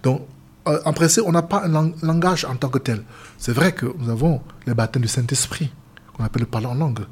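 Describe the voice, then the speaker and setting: Fairly quick and medium-pitched with a breathy edge, the voice belongs to a Cameroonian pastor and seamen's chaplain being interviewed. His manner is earnest and repetitive, and he frequently trips over phrases and begins them again.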